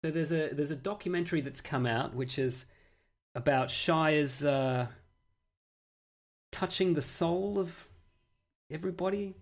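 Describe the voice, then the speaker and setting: A man's voice: on the high side, a little slow, long pauses. A man co-hosting a casual podcast chat in an easygoing, agreeable way. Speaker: podcast co-host.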